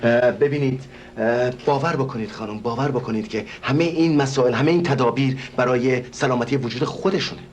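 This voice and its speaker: Actor doing a nervous, formal organizer for a stage comedy, mid-pitched, stammering, placating. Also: male voice, slight background noise, natural voice. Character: flustered, overly polite male show organizer.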